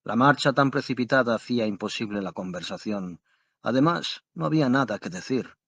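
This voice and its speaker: A man reading a classic story aloud as an audiobook narrator, with a dramatic, expressive delivery. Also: mid-range voice, brisk, slightly rough, no echo.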